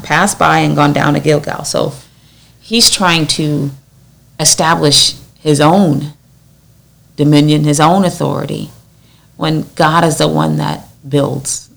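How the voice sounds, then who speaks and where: A woman's voice: low voice, fairly even intonation, measured pace, gravelly, fairly bright tone. A woman leading a Bible study in an earnest, exhorting way, acting out the lines she quotes. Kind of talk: conversational Bible teaching.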